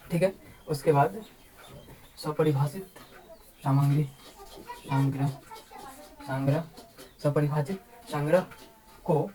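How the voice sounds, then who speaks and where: Low-voiced woman teaching math slowly. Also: dark tone, slight background noise, low-quality recording. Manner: repeats words and says "ठीक है" often, slow deliberate explaining. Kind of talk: classroom-style math lesson.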